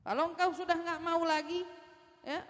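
A woman religious teacher gives a study lecture in a high, bright voice. She retells prayers with drama and switches between Arabic recitation and casual asides. Her voice trails off in a long hall reverb. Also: level tone, normal speed.

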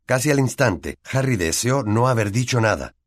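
A man with a Latin American Spanish accent reading an audiobook in a measured, steady storytelling manner. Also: mid-range voice. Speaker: audiobook narrator. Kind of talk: scripted audiobook narration.

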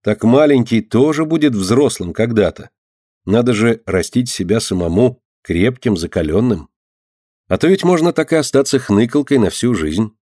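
A man doing a calm, serious mother. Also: medium pitch, moderate pace, no room sound, studio quality, natural voice. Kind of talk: audiobook character voice.

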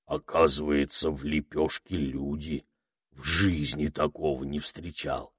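Man putting on a big deaf storybook beast, super deep, slow, fussy and pompous. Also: expressive, dry recording, clean studio sound, full character voice. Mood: amazed. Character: huge, kindly, hard-of-hearing male creature.

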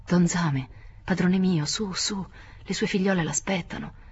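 A feverish, tormented young man speaks in a breathy near-whisper, full of guilt and pleading, as voiced by a woman narrator of an audiobook. The sound is a little dull and muffled. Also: on the low side, fairly even intonation, a little slow, darkish tone.

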